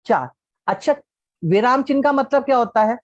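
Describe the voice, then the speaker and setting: A man's voice: very high-pitched, expressive, normal speed, no room sound. A man teaching an online class, patiently asking the class questions and answering them himself. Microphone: video call. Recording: dull lo-fi online class audio.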